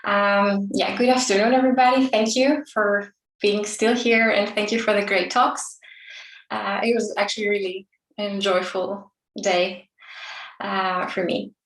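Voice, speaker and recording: A woman's voice: medium pitch, little pitch movement, unhurried, distant mic. A woman in her thirties from Greece presents a technical talk over a video call, friendly and peppered with fillers and restarts. She sits a little back from the mic in a roomy space with an echo. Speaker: conference speaker.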